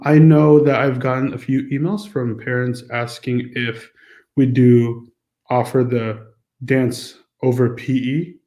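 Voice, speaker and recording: A school staff member with an American accent walks through a course registration form in a screen-recorded walkthrough. His voice is medium-pitched and dark, the sound is roomy, and his casual, explanatory delivery is packed with fillers.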